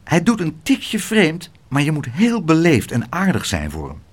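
A man's voice: huge pitch swings, unhurried, full character voice. A man reading a storybook and voicing a polite, eager young boy. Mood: earnest. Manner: eager, raised boyish pitch.

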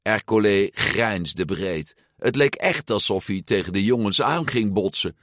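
Slow, expressive male storybook narrator. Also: lowish voice, dry recording, clean studio sound. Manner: slow, expressive, lively intonation. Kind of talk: storybook read-aloud narration.

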